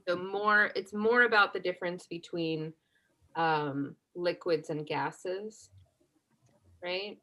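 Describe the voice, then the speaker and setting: A woman with a lowish voice speaks slowly, and the audio is poor. She's a chemistry instructor running a casual exam review, quizzing the class and checking in after nearly every point with a quick "right?"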